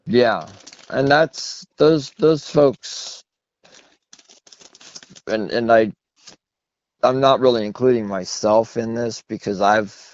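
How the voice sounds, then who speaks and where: Speaking slowly and leaving long pauses, a man being interviewed by phone about his work as an author drifts into long, anecdotal, self-mocking tangents. The call sounds muffled and low in fidelity.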